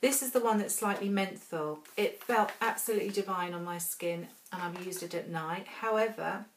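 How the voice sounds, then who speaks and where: A woman's voice: mid-range voice, normal speed, slight background noise. A middle-aged woman chatting casually through a product review, rambling with friendly asides. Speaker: beauty vlogger. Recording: roomy echo.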